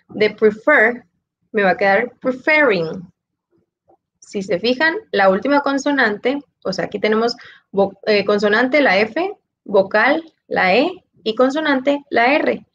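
Teacher lady, highish voice, explains slow and patient, asks ok? a lot, muffled lo-fi sound. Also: fairly bright tone. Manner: explains step by step, repeats key points, ends with "ok?". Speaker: English teacher. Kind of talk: recorded grammar lesson. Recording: dull lo-fi sound.

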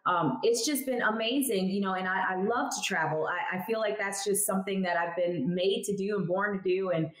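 Speaking a little fast with few pauses, a woman in her thirties describes her work as a cannabis lab chemist, frank and emphatic, as a guest in a relaxed video-call interview. Her pitch is medium. She's indoors at home on headphones, and the low-quality audio is reverberant.

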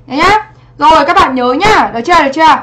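A woman's voice: sits high, expressive, fast, sharp tone. A young adult woman from Vietnam teaching English on a livestream exam review, chatty and constantly checking in with rhetorical questions.

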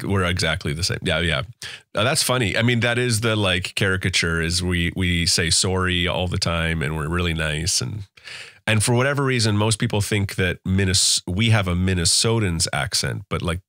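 A man from western Canada hosting a podcast, chatty and quick to laugh in a casual interview. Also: low-pitched, sharp tone, no echo, clean studio sound. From Canada, Pacific Northwest. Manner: chatty, laughs easily, many fillers. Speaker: podcast host.

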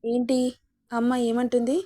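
A woman's voice: a little high, monotone, a little slow, warm tone, lightly acted. A woman voicing a caring, playful young husband in a storybook reading.

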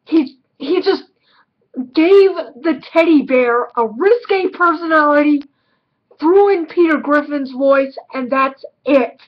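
A woman's voice: sits high, slow, highs cut off. A woman giving a casual film review, blunt and emphatic, repeating words for stress.

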